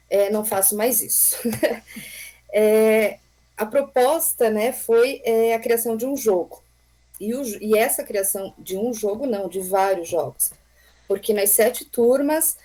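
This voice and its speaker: A Brazilian woman teacher presenting a class project over a video call in an unhurried, explanatory way, from home on a computer mic. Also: a little high, warm tone, rough recording. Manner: unhurried, explanatory, with light laughs. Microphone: computer microphone on a video call.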